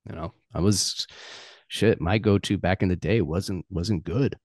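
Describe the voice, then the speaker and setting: A man's voice: low voice, a little slow, darkish tone, no echo, clean studio sound. A man in his forties talking loosely and candidly, swearing and laughing easily. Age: 40s. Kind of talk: casual chat.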